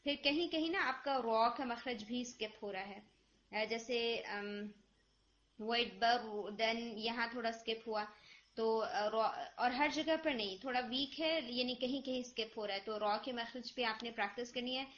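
A woman teaching Quran recitation online, gently correcting a student's pronunciation and modeling the sounds slowly. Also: a little high. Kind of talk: online tajweed feedback. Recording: lo-fi online call audio.

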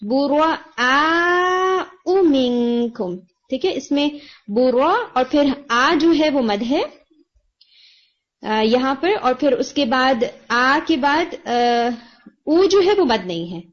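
A woman teaching Quran recitation online, patiently correcting a student and slowly modelling each word over a video call. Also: high-pitched, lively intonation. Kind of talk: online tajweed lesson, giving feedback. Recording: dull lo-fi call audio.

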